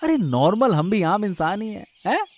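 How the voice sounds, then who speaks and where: In an acted Hindi audio story, a man plays a bossy yet caring husband, chatty and emphatic as he nags with affection. His voice sits high and darkish, very animated at a normal pace, with no echo. The mood is affectionate, and he's making plans.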